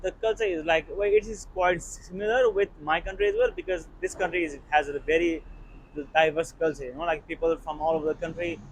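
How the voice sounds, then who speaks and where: A man's voice: fairly high pitch, steady tone, a little fast, slight background noise, low-quality recording. A man, explaining things fluently and easily in a street interview. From Nepal.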